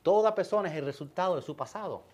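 High-voiced man preaching in a church. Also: a little mellow, dull audio. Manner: pauses often for interpreter, repeats words. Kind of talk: sermon with live interpretation.

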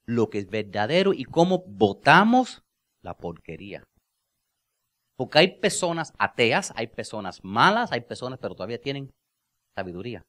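A man preaching a sermon as pastor, with joking asides, laughter and slow, drawn-out phrases for emphasis. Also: on the high side, a bit bright. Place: church.

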